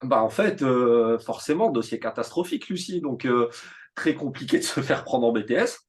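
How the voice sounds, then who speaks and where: A man in his thirties, a teacher telling his school story in a relaxed interview, animated and full of fillers and restarts. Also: medium pitch, moderate pace. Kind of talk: casual conversational interview.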